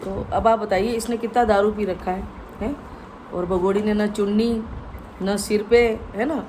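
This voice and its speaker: A woman's voice: medium pitch, darkish tone, slight background noise, low-quality recording. A woman giving a gossip commentary vlog in a mocking tone, tagging nearly every sentence with a rhetorical question. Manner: mocking, with constant "है ना?" tags. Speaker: YouTube commentator.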